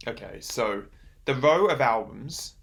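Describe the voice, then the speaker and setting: A man's voice: mid-range voice, expressive, measured pace, creaky, fairly bright tone, slight background noise. A man reviewing music in a casual vlog, talking with hesitant fillers until his speech is cut off suddenly mid-sentence. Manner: rambling, hesitant, many fillers. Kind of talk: casual vlog, album reaction.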